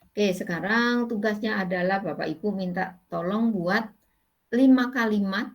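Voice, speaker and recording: A woman's voice: mid-range voice, a little slow, low-quality recording. A middle-aged woman lecturer with an Indonesian accent, patiently explaining English grammar to her class with many fillers. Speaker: university lecturer.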